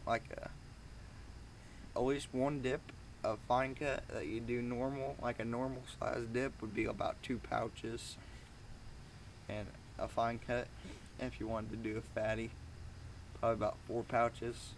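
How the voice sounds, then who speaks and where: A young man rambles through an informal review with chewing tobacco tucked in his lip. His voice sits at an average male pitch, barely moves in melody and crackles with fry. He speaks haltingly and coarsely, over faint vehicle noise. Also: level tone. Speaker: amateur product reviewer.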